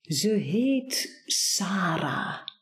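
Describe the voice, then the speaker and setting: A woman's voice: a little high, big pitch swings, slow pace, darkish tone, roomy sound. Woman voicing Baas, an earnest bookish neighbor. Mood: solemn. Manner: earnest, then eager. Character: serious, bookish neighbor with a secret plan.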